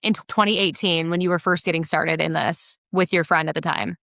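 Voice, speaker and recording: A woman hosting a podcast who asks eager questions and shares her own story in a quick, chatty way. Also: lowish voice, fairly even intonation, vocal fry, a bit bright, no room sound, clean studio sound. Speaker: podcast host. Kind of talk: interview questions and chat.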